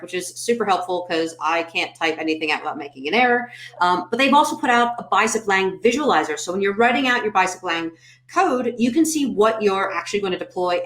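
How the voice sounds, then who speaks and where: A woman giving a casual, enthusiastic tech news update. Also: medium pitch. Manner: upbeat, enthusiastic. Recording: echoey room.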